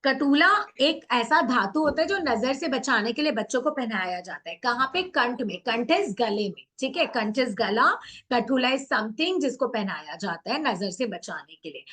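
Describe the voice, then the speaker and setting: A woman teacher with a fairly high voice walks her online class through a poem, one line at a time. She tosses in English terms and keeps asking questions, then answers them herself. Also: very animated, moderate pace, fairly bright tone, breathy edge. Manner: mixes English words into Hindi. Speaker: Hindi teacher.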